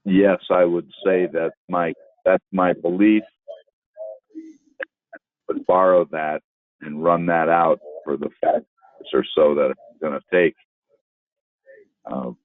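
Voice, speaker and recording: A man with an extremely low voice speaks slowly over a phone line that keeps breaking up. The sound is thin and tinny, dry with no room around it. He talks in halting, broken-off phrases as he dials into a meeting. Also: fairly even intonation, dry recording. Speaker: board member calling in remotely. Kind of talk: town board meeting discussion.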